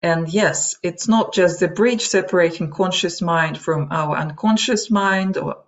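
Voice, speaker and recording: Speaking at a measured pace in a mid-range voice, a native Russian speaker with a Russian accent explains material to an online webinar audience. Delivery is informal and hesitant, with frequent asides, captured in dull lo-fi audio.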